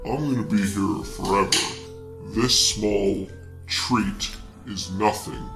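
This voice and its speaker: A man voicing a big, dopey, stubborn creature bargaining in a tabletop game, in a deep cartoon voice. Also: slow, over music. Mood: stubborn, resigned. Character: big wide Boggle creature in an ice wall, stubborn bargainer. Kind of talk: tabletop role-play.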